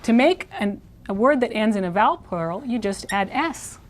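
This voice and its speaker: A woman teaching a Spanish lesson, modeling words slowly and repeating each one. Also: mid-range voice, lively intonation. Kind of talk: video language lesson.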